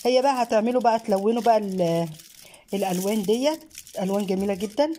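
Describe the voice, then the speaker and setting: Speaking quickly in a medium-pitched voice, an Egyptian mother hosts a casual craft vlog at her living room table, holding the phone camera and talking from behind it. She praises warmly, encourages, and uses many fillers, with an Egyptian Arabic accent. A little hiss or hum is present.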